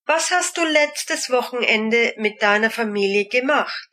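A woman examiner puts short questions very slowly and deliberately. Her voice is bright and slightly high. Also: expressive. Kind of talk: slow, clear exam prompts.

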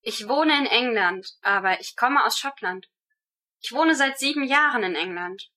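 A woman works through prepared speaking-exam answers in a steady, measured recital. Her voice sits a touch high and sounds bright and clear. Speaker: student answering exam questions.

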